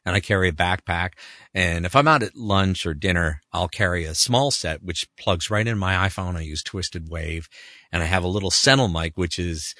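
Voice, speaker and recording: A man who voices characters, telling animated anecdotes and acting out other people's voices. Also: normal speed, dry recording. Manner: acts out other people's voices with big pitch jumps. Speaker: voice actor guest.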